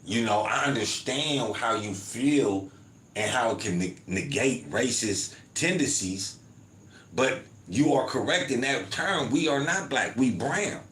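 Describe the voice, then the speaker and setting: A medium-pitched, expressive, slightly bright male voice speaks without hurry. He's an American podcast host giving casual commentary and reading chat comments, constantly dropping "you feel me" and "man." The room sounds like a home recording with faint ambience.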